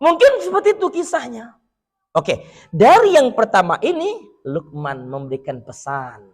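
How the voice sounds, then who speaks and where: A male preacher with a very high voice gives an animated sermon to children at a boarding school. He keeps breaking off words for his listeners to finish. A long hall reverb hangs behind his voice. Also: measured pace. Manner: animated, leaves words unfinished for listeners to complete.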